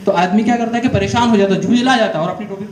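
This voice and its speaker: Speaking in a high, racing voice, a man delivers a motivational career guidance talk to school students. He tells stories, explains things step by step, and keeps putting direct questions to the class. The room is echoey, with faint background noise.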